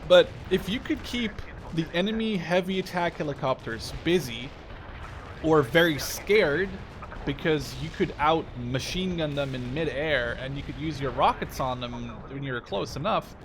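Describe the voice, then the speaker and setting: A man in his twenties hosts a gaming video with a slightly high, expressive voice at a moderate pace. His commentary is casual, informal, and slangy, with some swearing. Loud in-game battle sounds of artillery, gunfire, and vehicles play behind him, along with background noise.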